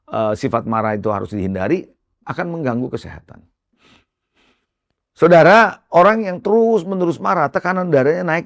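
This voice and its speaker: A male pastor giving a conversational sermon in speech, often addressing listeners directly and stressing points with sharp rises. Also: creaky, no room sound, clean studio sound. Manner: lively pitch swings for emphasis.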